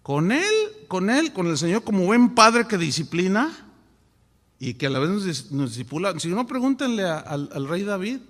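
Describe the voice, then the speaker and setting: High voiced pastor guy preaching, lively, asks the crowd questions, long echo in a church. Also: normal speed. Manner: animated, acts out quoted voices, rhetorical questions. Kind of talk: sermon.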